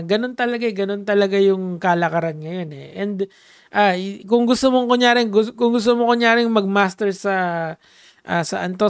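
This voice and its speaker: A man's voice: high voice, smooth, no room sound, studio quality. A man giving casual commentary, chatty and full of fillers and restarts, switching back and forth between languages. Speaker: commentary vlogger.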